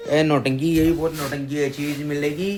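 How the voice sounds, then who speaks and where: A man's voice: a little high, flat delivery, moderate pace, a little mellow, a little hiss or hum. A man filming a casual home vlog on a phone, chatting and playfully teasing his young daughter. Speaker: family vlogger and father.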